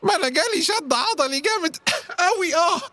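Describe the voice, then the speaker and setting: A woman's voice: very high voice, expressive, quick pace, bright, forceful tone, dry recording, full character voice. A woman voicing Farid, a worn-out boy with a cramp in a children's audio drama, who groans and complains. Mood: weary.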